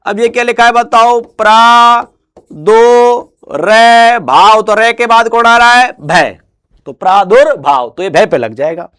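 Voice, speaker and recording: A man teaches Hindi grammar to a classroom in a call-and-response lecture. He drawls out words slowly for stress and answers his own questions in a lower, more hushed voice.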